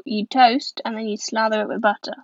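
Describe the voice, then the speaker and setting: A woman's voice: on the high side, fairly even intonation, fairly quick, lo-fi sound, crowd noise. A woman with an East Midlands English accent chatting casually as a podcast co-host. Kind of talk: casual chat.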